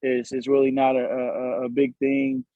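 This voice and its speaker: A man from a community group speaking casually on a panel, relaxed and hesitant. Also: mid-range voice, normal speed, dry recording, phone-quality sound. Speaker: community organizer.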